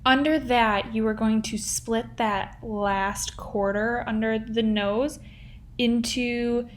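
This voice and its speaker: This drawing tutorial host is a young woman whose slightly high voice stays steady and unhurried, with a bit of hiss or hum in the background. She guides viewers casually through each step, chatting playfully and leaning heavily on fillers such as "like" and "um."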